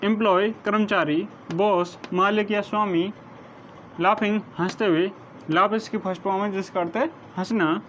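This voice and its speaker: A male teacher slowly dictating vocabulary meanings to his class, spelling some words out letter by letter. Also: high voice, steady tone, a bit bright. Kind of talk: vocabulary lesson, reading word meanings. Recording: dull lo-fi sound with faint noise.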